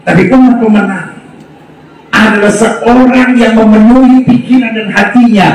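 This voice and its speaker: A male pastor preaching a revival sermon to a crowd on an open-air stage, leading call-and-response and often shouting. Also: sits high, fairly even intonation, moderate pace, far from the mic. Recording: very echoey open-air PA, from afar.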